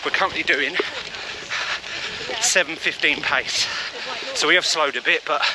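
Male running vlogger, slightly high voice, talking casually mid-run, heavy outdoor noise. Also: measured pace. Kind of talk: casual running vlog commentary. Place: outdoors on the move in rain. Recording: noisy outdoor recording with wind, traffic.

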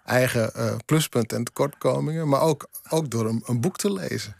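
A man, a poet reading his verse slowly and then talking about it in a radio interview. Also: medium pitch, gravelly, darkish tone. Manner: measured, slow recitation of verse. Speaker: poet guest.

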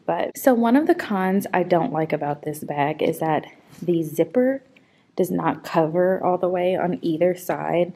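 A woman's voice: on the low side, gravelly, dark tone. A young woman chatting casually to camera in a vlog, rambling with lots of fillers and talking while walking about. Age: young adult. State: out of breath. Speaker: vlogger.

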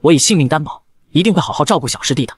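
A whiny, fawning young disciple who schemes to survive, as a man narrating a manga recap puts him on. He talks fast in a light, fairly high voice, recorded close and dry. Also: expressive, husky, no room sound.

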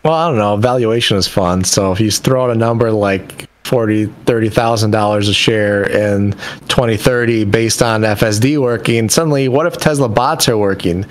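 A man's voice: lowish voice, moderate pace. Male podcast co-host, casual, rambling, self-interrupting chatter. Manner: rambling, animated, restarts mid-sentence.

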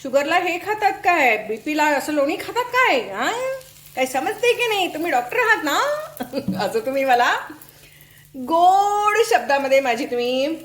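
High-voiced chatty woman vlogging from her kitchen. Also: big pitch swings, unhurried, fairly bright tone. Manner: chatty, playful, teasing, lightly laughing. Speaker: home cooking channel host. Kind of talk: casual chatty vlog. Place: home kitchen.

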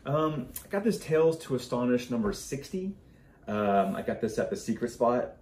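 A middle-aged man co-hosting a comic collecting show, calmly talking about comics he bought while seated at a table in a room full of comic shelves. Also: medium pitch, normal speed. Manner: calm and laid-back. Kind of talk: casual chat showing off comic finds. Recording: roomy echo.

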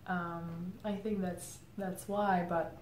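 Woman, 30s, lowish voice, thoughtful interview answers with pauses, faint room hiss. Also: flat delivery, a little mellow. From Czech Republic. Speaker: marketing head interviewed as guest. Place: indoor room against a plain grey backdrop. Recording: roomy echo, faint ambient noise.

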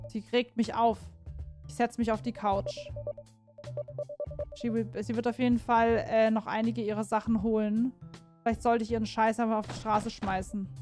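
Woman streamer reading a dating game out loud, translating as she goes, kinda high voice, soft music under it. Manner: translates on the fly with frequent restarts and commentary. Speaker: let's play host. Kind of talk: casual let's play, reading and translating game text aloud.

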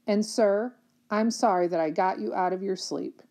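A woman's voice: medium pitch, moderate pace, warm tone, lightly acted. A woman voicing a young boy who hurries through a dutiful apology. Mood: contrite.

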